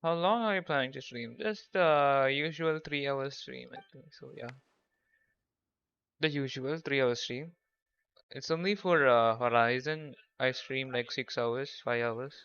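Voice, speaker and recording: A man with a medium-pitched, fairly bright voice hosts a casual gaming livestream, chatting unhurriedly and half-distractedly with viewers. The microphone sounds dull and lo-fi.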